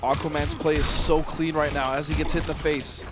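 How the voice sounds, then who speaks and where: A man co-commentating a fighting game live, reacting excitably to the play. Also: a little high, fairly quick. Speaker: esports co-commentator. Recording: game music under the voice.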